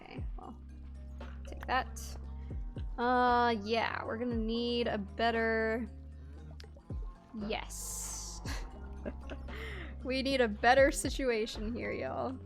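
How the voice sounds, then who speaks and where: A woman's voice: on the high side, little pitch movement, slow, long pauses, faint music behind. A Canadian-born woman streaming a game, chatting casually and reading chat aloud, laughing often.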